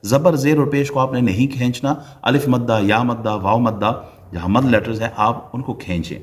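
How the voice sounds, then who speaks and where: Male religious teacher, mid pitch, quick explanations with slow chanted examples. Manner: explains briskly, then chants call-to-prayer phrases slowly to demonstrate. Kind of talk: religious lesson on pronunciation.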